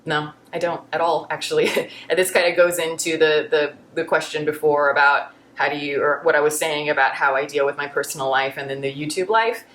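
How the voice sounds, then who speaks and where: Low-voiced woman answering viewer questions. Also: fairly even intonation, a little fast, hardly any pauses, fairly bright tone, echoey room, slight background noise. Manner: candid, reflective, with frequent restarts. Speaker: YouTube film reviewer.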